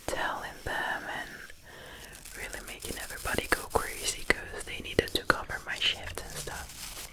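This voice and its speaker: A woman whispering softly and very close into a binaural mic in an ASMR talk, with deliberate pauses. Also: rough recording. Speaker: ASMR creator. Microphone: close binaural microphone, ear to ear.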